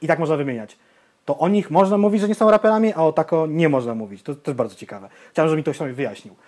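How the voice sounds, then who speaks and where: Speaking quickly in a slightly high voice, the young male co-host rants through casual podcast banter. He's animated, swears often, and doesn't soften his strong opinions.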